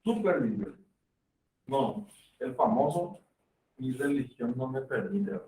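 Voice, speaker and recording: A slow, expressive man with a mid-range, darkish voice explains medical material in a university lecture, drawing on examples and acted dialogues with patients. His accent is Paraguayan Spanish. Recorded far from the mic, the room comes through strongly.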